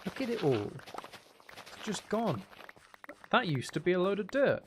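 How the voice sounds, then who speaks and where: Rain sounds fill the background as a game streamer with a high voice chats at a moderate pace. His live commentary is casual and playful, full of self-deprecating asides and wandering thoughts.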